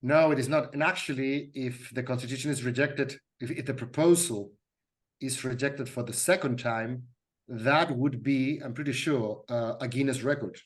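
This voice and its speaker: A man's voice: mid-range voice, normal speed. A man in a casual panel discussion, often repeating words as he talks. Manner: stammering repeats, light laughs.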